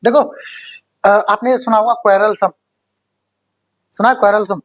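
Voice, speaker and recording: A man's voice: high-pitched, steady tone, a little slow, highs cut off. A young male teacher gives a spoken vocabulary lesson, coaxing students and quizzing them over and over. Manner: coaxing, repeats "theek hai bhai" and quizzes students.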